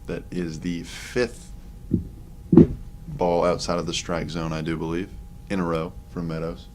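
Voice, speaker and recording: A young man calling a college baseball game play by play, relaxed and chatty, with offhand asides between pitches. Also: unhurried, background noise. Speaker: play-by-play announcer. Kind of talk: sports commentary.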